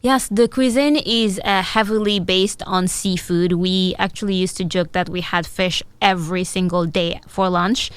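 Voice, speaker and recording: A woman from Senegal, a food and product developer, answering interview questions with many pauses and fillers. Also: fairly low pitch, fairly even intonation, clean tone, dry recording. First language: French.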